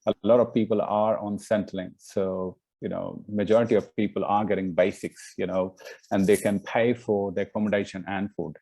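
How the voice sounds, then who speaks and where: A man from India with a low, gravelly voice and a mellow, dark tone. He talks earnestly in a casual interview, leaning on fillers and "you know" as he explains himself. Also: steady tone, normal speed. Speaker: interview guest.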